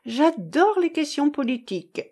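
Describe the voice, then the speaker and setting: A woman's voice: sits high, big pitch swings, a little slow, a little mellow, voice pushed up, heavily acted. A woman reading aloud voices an affected, simpering society lady.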